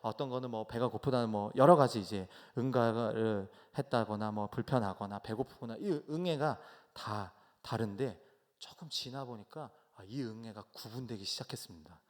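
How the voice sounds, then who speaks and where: A man in his thirties preaching a sermon in a church, telling stories with sudden loud bursts and soft asides. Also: medium pitch, moderate pace. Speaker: pastor. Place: church sanctuary.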